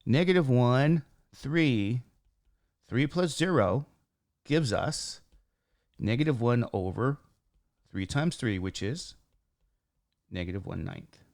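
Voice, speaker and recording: A man with a slightly squeaky voice teaching math informally, talking through each step and posing questions he then answers himself. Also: expressive, slow pace, long pauses, no echo, studio quality. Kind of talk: informal worked-example lesson, thinking aloud.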